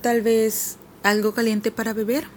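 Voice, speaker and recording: A woman's voice: on the high side, little pitch movement, unhurried, a little mellow, lightly acted. A woman voicing an imperious queen who questions sharply and impatiently, in an audiobook reading with a faint hiss behind. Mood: coaxing. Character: cold imperious queen, commanding and suspicious.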